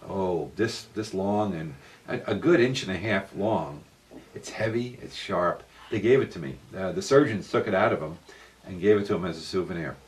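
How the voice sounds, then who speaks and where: A man, a museum director, telling a story in a relaxed, halting way with fillers. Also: low-pitched, far from the mic. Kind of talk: casual storytelling.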